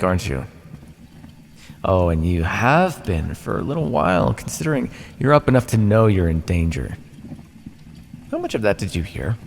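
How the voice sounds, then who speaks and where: In this ASMR roleplay, the man is an ancient vampire goading his prisoner, smug, patronising, suspicious and probing. His voice lurches across a very wide pitch range into gravelly creak, punctuated by theatrical pauses, all echoing in long reverb against background noise.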